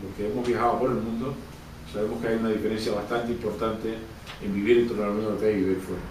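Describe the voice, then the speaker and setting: At a book presentation, an author and professor answers audience questions in a public discussion, speaking emphatically and repeating key phrases. He has a lowish, slightly mellow voice, talks fast, and his delivery is flat. A distant mic in the event room gives a roomy sound with faint noise.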